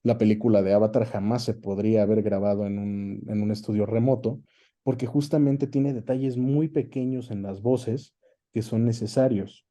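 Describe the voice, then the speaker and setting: A Mexican man, a voice actor and dubbing director, speaks as an interview guest in a lowish, warm voice with fairly even intonation at a normal pace. He explains things casually and conversationally, often checking in with short tag questions.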